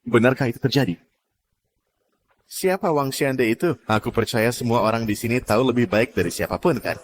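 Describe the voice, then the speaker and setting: A man's voice: medium pitch, normal speed, a little hiss or hum, natural voice. A man dubbing a cruel, arrogant young clan heir who sneers and threatens. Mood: menacing. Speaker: villain. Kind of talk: dubbed drama acting.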